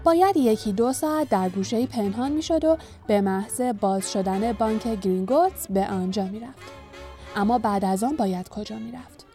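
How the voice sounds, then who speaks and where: A woman narrating a storybook in a calm, even reading voice. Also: fairly high pitch, soft background music. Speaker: audiobook narrator.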